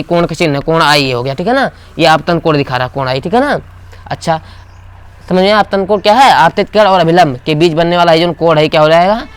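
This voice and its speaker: A man's voice: a little high, clear, resonant tone. Man teaching physics in class. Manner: call-and-response questioning. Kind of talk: classroom lecture.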